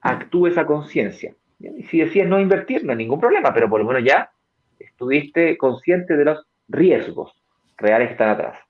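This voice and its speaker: A man's voice: on the high side, sing-song, normal speed. A man hosting a coaching session, explaining step by step in a persuasive way. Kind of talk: coaching talk on a video call. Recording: tinny video call line.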